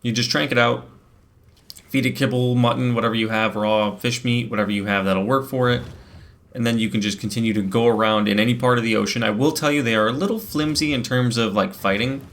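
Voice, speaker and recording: A man's voice: medium pitch, gravelly, a bit bright. A man hosting a gameplay video, chatting and explaining as he plays, with frequent fillers and restarts. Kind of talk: casual gameplay commentary.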